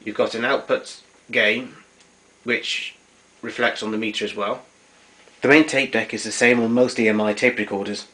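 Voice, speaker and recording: A collector of vintage tape recorders demonstrates his gear in a domestic kitchen, explaining it plainly and off the cuff. His voice is lowish, a bit bright, and steady, at a moderate pace; the amateur camera picks up a lot of noise.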